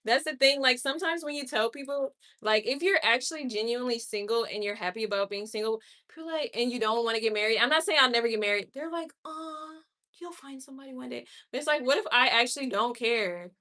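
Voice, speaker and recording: A woman in her late twenties hosts a livestream, chatting frankly and opinionatedly as she responds straight to viewer comments. Her voice is fairly high, fast, pushed and bright.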